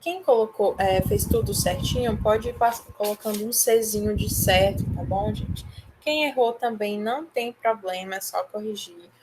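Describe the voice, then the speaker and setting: A woman's voice: medium pitch, moderate pace, noisy background. A woman with a Brazilian Portuguese accent, an English teacher giving an online class, patiently explaining step by step and often checking in with the students.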